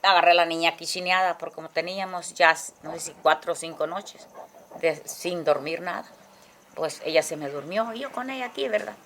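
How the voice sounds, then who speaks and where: An older woman giving testimony in a halting way, often checking in with her listener. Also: lowish voice, fairly bright tone, a little hiss or hum. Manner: halting, tagging lines with "¿verdad?". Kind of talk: spoken testimony in a documentary. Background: music.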